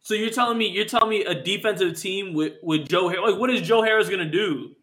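A man co-hosting a sports podcast, arguing in fast casual chat and often cutting in and repeating himself. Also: high-pitched, a bit bright. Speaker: podcast co-host.

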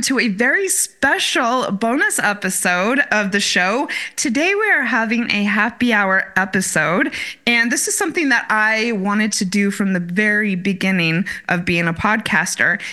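A woman's voice: mid-range voice, bright, forceful tone. A woman hosting a podcast in a casual, chatty style. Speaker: podcast host. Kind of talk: casual hosted chat.

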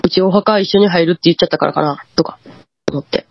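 A woman's voice: on the low side, fast, gravelly, no room sound. A woman with a Kansai accent casually telling a true ghost story, acting out the quoted lines. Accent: Kansai Japanese. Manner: animated, acts out quoted lines. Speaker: guest storyteller. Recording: dull lo-fi dry audio.

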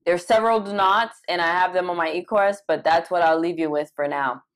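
A young woman from Cameroon hosts a live Q&A as an interview coach. Her voice sits a little low. She talks in an animated, emphatic way and repeats key words to drive them home. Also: brisk. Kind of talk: live Q&A session.

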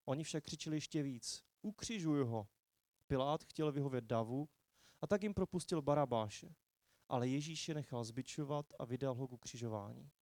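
A man reading a long scripture passage aloud in a church service, measured and expressive, lifting his voice for quoted speech. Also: medium pitch, dry recording. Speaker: preacher. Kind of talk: Bible reading in a sermon. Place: church hall.

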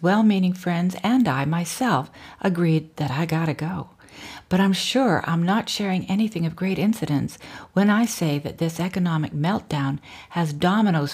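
A middle-aged woman reading aloud from her own memoir in a wry, dryly humorous way, often dropping into soft whispers. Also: lowish voice, slightly rough. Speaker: author reading her book.

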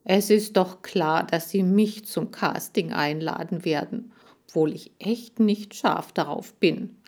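A woman's voice: lowish voice, slow, a little mellow. A woman doing a whiny, vain male hamster. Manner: whining, complaining.

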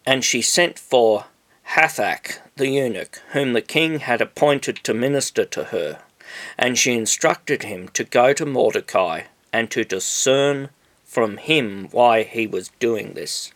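A man reading scripture aloud in a measured, solemn way. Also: medium pitch, a bit bright.

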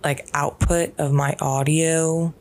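Low-voiced woman chatting slowly. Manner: relaxed, rambling, with fillers. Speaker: podcast host. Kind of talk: casual solo podcast chat. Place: in bed at home at night. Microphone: podcast microphone.

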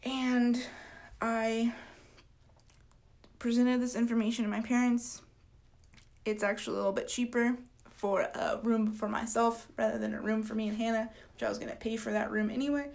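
A young woman in her twenties talks through a casual solo podcast, sounding tired and a little yawny. Her voice sits slightly high with a gravelly, fry-edged texture. She rambles with plenty of fillers and lets her sentences fade off softly. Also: level tone, normal speed. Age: 20s. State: tired, yawning. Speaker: podcast host.

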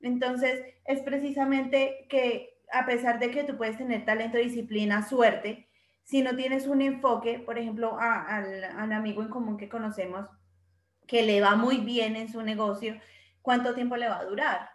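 A woman's voice: a little high, steady tone, normal speed. A woman, co-hosting a casual podcast and reflecting on ideas by working through her own examples. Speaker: podcast co-host. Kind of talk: casual conversation. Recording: roomy echo.

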